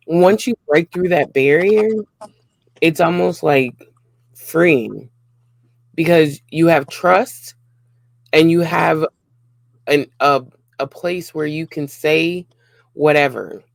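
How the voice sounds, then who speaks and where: Man, slightly high voice, unhurried, earnest, short repeated phrases, casual relationship chat. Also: vocal fry, no room sound. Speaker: co-host of a relationship channel.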